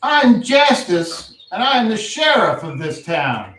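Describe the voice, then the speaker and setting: A tiny, commanding sheriff creature, played by a man speaks high and stern in a fantasy tabletop game. His menacing orders come drawn out, from off the mic in an echoey room. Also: big pitch swings, slow, a bit bright, distant mic, a little hiss or hum, full character voice.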